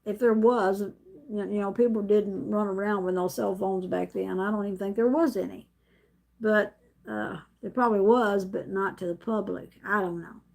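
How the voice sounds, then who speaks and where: Hosting a live stream from home with a camera in front of her, a middle-aged vlogger chats her way through a story. Her mid-range voice is gravelly with a darkish tone; she rambles, laughs a lot, and keeps restarting her sentences.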